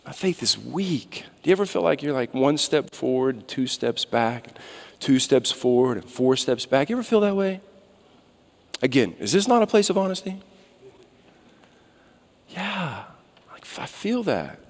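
A man in his thirties preaching a sermon on a large church stage, with a long hall reverb trailing his words. He moves from hushed, reflective asides to loud, urgent calls, spoken into a headset mic. His pitch sits in an everyday middle range. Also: very animated, a little slow, creaky, pauses often. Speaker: guest preacher.

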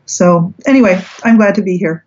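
A woman's voice: mid-range voice, normal speed, a little mellow. A Canadian woman, a philosophy professor, talking casually in an interview and wandering through asides and restarts. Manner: rambling, many restarts and asides. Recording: dull lo-fi audio.

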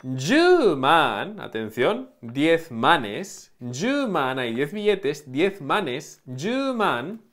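A man teaches an online language lesson, stretching out each word in slow, deliberate drills. His pitch swings widely and sits a little high for a man. He breaks the drills with playful asides. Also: sing-song, fairly bright tone. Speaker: Japanese teacher.

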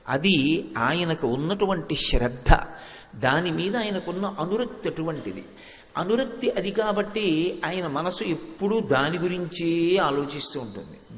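A man gives a devotional talk to an audience from a stage, using anecdotes and recited verses and repeating words to stress his points. His voice is a little high with a fairly bright tone, and the echoey hall has a long reverb.

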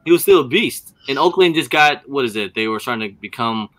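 A man chatting on a video call in a casual group conversation, animated and chatty, often jumping in with questions. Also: medium pitch, a little fast, faint music behind.

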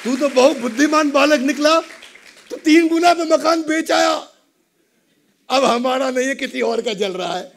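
A man voicing a distraught homeowner who cries out loudly over his lost house. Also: sits high, normal speed, a faint crowd, slight background noise. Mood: gleeful. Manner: wailing and crying out loudly. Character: distraught middle-aged homeowner, wailing then relieved.

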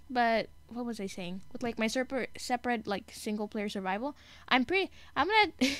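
A woman's voice: a little high, a bit bright. A young woman giving casual, rambling commentary while playing a video game, chatty and giggly, often correcting herself mid-sentence. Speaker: gaming YouTuber.

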